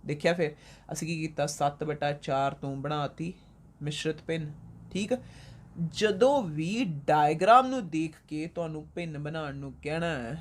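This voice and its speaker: A woman math teacher from Punjab, India, walks a class through a lesson step by step. She asks a question, pauses, and supplies the answer herself, repeating key points patiently. English math words are sprinkled through her explanations. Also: low-pitched, darkish tone, a little hiss or hum. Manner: mixes English math terms into her talk.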